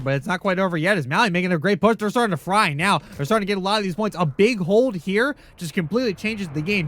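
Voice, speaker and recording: A man calling an esports match play by play, rapid and excitable. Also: on the high side, slight background noise. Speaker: play-by-play caster.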